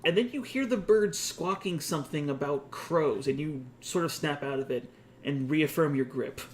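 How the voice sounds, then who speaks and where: A man's voice: fairly high pitch, normal speed, a little hiss or hum. A man running a tabletop game as game master, describing scenes in the second person with the odd laugh.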